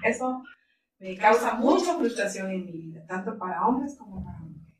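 A woman's voice: mid-range voice, expressive, normal speed, a little hiss or hum. A middle-aged woman in ministry, telling stories animatedly in an interview and laughing often. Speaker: ministry leader. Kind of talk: interview conversation. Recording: roomy, distant mic, faint ambience.

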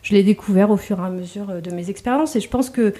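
A woman with a warm, mellow voice tells her story at an easy conversational pitch. She laughs often and circles back on her words, restarting her sentences with plenty of fillers. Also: quick pace. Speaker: guest. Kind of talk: conversational interview.

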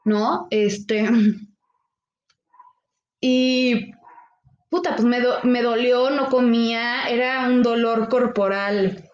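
A young woman with a Mexican accent chats on a podcast. Her high voice is expressive and slangy. The recording is echoey. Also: slow pace, long pauses, lo-fi sound. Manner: expressive, slangy, laughing storyteller. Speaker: podcast co-host. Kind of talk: casual chat.

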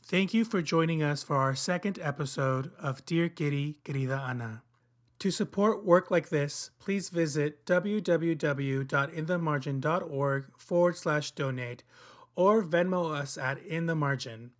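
A man's voice: a little high, a little slow. A man reading a scripted outro announcement for an audio drama. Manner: plain, read-aloud.

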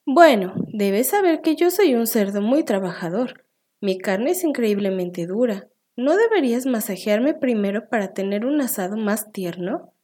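A woman's voice: on the high side, lively intonation, unhurried, mellow, a little hiss or hum. A woman voicing a small, clever male piglet who sighs, squeals and politely coaxes in a storybook reading. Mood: sighing, coaxing. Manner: sighing, squealing, sweetly persuasive.

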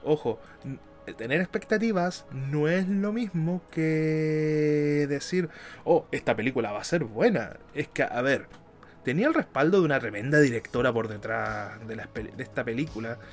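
A man's voice: on the high side, normal speed, soft background music. A man from Chile with a Chilean Spanish accent, hosting a casual podcast chat, laughing often and trailing off mid-sentence. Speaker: podcast host.

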